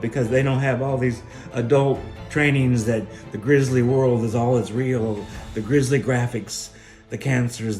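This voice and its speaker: A man's voice: medium pitch, darkish tone. A middle-aged man telling a personal spiritual testimony in an earnest, emphatic, preacher-like way. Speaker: spiritual speaker sharing a testimony.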